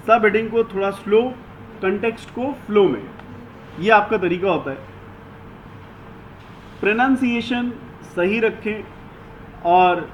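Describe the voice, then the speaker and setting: A man teaching a classroom English lesson, giving slow, deliberate instructions and mixing Hindi with English. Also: sits high, lo-fi sound, a little hiss or hum.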